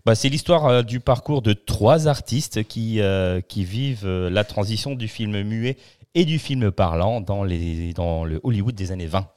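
A man's voice: fairly low pitch, unhurried, a little mellow. A man with a noticeable accent hosting a casual film podcast in French, cheerful and welcoming. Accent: non-local French accent. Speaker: podcast host.

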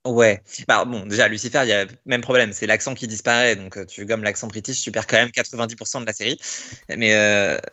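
A man hosting a podcast in casual chat, talking in an animated way with many restarts and fillers. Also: fairly low pitch, brisk. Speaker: podcast host.

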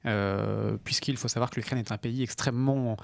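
Male co-host, explains news, hesitant with lots of fillers, mid-pitched, dry studio sound. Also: fairly even intonation, normal speed, vocal fry, no echo. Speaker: podcast co-host. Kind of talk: casual news podcast chat.

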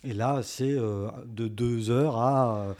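Un homme qui mène l'entretien sur un ton familier, bavard, ponctuant de brèves relances et riant volontiers. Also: male voice, mid-range voice, steady tone, slow pace, a little mellow. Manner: chatty, laughs easily, many short backchannels. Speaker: interviewer. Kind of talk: casual interview conversation.

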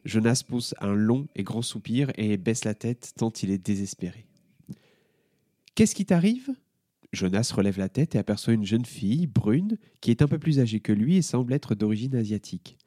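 A man hosting and narrating a children's story podcast in a gentle, calm manner. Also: lowish voice, normal speed, few pauses, no echo, studio quality.

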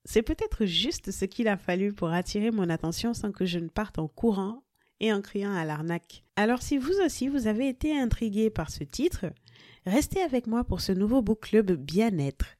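A woman hosting a podcast, reviewing a book in a lively, friendly scripted delivery and speaking directly to her listeners. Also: medium pitch, no room sound, studio quality. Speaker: podcast host.

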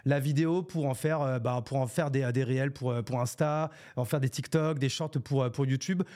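A man's voice: medium pitch, fairly even intonation, normal speed, dark tone. A man hosting his own solo podcast, talking off the cuff in a casual, rambling way, full of fillers, restarts and English business slang. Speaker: podcast host. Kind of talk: solo unscripted podcast talk. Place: Bordeaux, France. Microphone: podcast microphone.

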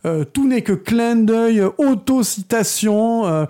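A man co-hosting a casual film review, talking with many hesitant filler pauses. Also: very high-pitched, lively intonation, warm tone, clear, resonant tone.

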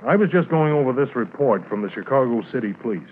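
On a tinny, hissy 1950s radio transcription, a man plays a determined, authoritative Mountie sergeant in a radio drama. His natural, mid-range voice is animated and quick, clipped and authoritative, with an urgent, businesslike mood.

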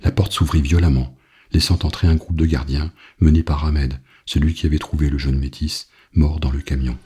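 A man reading an audiobook novel in a grave, measured narration. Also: very deep voice, steady tone, warm tone, slightly rough.

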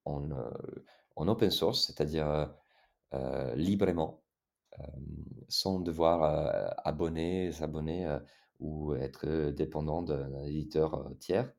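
An Italian man in his thirties, speaking with an Italian accent, appears as a podcast guest in a casual interview. He sounds hesitant, using many fillers and restarts. His voice is extremely low and gravelly, with fairly even intonation and a slow pace.

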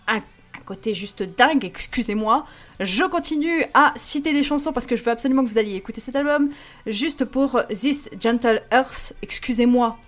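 Woman, podcast co-host, casual chat, enthusiastic, playful, laughing, faint music underneath. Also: high-pitched.

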